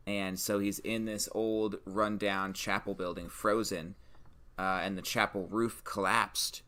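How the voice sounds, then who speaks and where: A man co-hosting a podcast in casual chat, upbeat and encouraging as he pitches ideas. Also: level tone, a little slow, bright, forceful tone, clear, resonant tone. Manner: upbeat and encouraging, recites rhymes. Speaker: podcast co-host.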